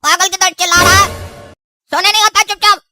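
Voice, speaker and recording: A woman's voice: very high voice, level tone, a little fast, music in the background. A woman voicing a hot-tempered young son in a cartoon, hurling insults. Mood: angry. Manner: rude, shouting insults. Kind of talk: cartoon dubbing.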